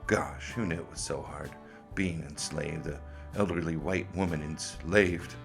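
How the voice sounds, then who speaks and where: A man's voice: a bass voice, steady tone, measured pace, creaky, soft background music. A man hosting comic reaction commentary in a sarcastic, mocking way. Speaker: host of a commentary video.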